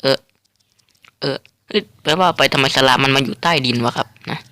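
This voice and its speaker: A man's voice: mid-range voice, a little fast, bright, forceful tone, no room sound. A man hosting a gaming channel, chatting loosely through his game with lots of fillers, recorded on a phone. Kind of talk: casual game commentary. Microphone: playing on a mobile phone, no headphones.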